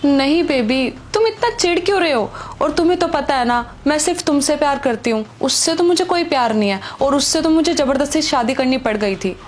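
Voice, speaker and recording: A woman's voice: high voice, lively intonation, a little fast, hardly any pauses, a little hiss or hum. A woman acting a pregnant married woman secretly in love with another man, pleading and defensive. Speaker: actor. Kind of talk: Hindi web skit acting.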